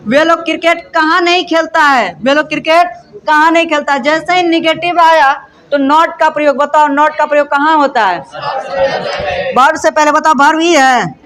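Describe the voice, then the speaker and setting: High, bright-voiced man teaching grammar. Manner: quizzing students with call-and-response questions. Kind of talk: classroom lesson.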